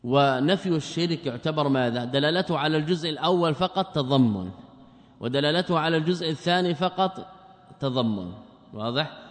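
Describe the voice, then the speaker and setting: A man's voice: fairly high pitch, expressive, a little fast. Man teaching in a long-reverb hall. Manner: explains by asking and answering his own questions. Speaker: religious teacher. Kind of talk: lecture on a theology text.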